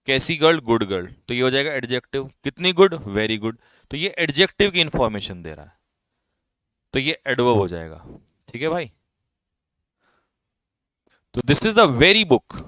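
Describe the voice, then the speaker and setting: Medium in pitch and a bit bright, this young English teacher's voice is recorded with no room sound. In his classroom grammar lecture he raises questions and answers them, explains in Hindi, and reads the English examples slowly with stress.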